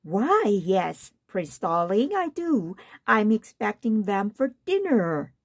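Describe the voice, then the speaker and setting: A woman's voice: medium pitch, very animated, slow, dry recording, studio quality, exaggerated voice. A woman voicing a sly storybook witch who coaxes in a falsely sweet manner. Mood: coaxing. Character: sly, sweet-talking gingerbread-house witch.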